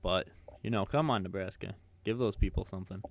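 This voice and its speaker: A man with a fairly low voice co-hosts a casual sports podcast. He rambles along, doubling back on himself with plenty of fillers and restarts. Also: brisk, vocal fry, a little hiss or hum. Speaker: podcast co-host.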